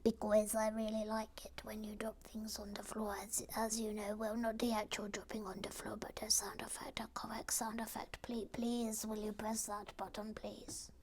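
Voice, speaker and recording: A woman voicing a shy little companion who speaks mostly in a soft, polite whisper. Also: mid-range voice, completely flat delivery, normal speed, hardly any pauses, slight background noise, natural voice. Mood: pleading. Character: timid little creature sidekick.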